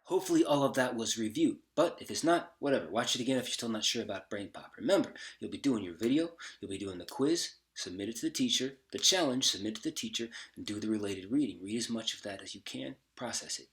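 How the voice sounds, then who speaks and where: Low husky guy teacher explaining a class app step by step, laid back. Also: a bit bright. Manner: casual, talks through each click. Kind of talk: screen-recorded tutorial.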